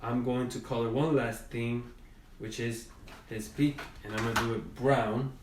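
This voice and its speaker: A man teaching a drawing class, telling a storybook tale in a gentle, halting way while he draws. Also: mid-range voice, fairly even intonation, background noise. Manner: gentle, halting, with many restarts. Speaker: art teacher. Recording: roomy, from a distance.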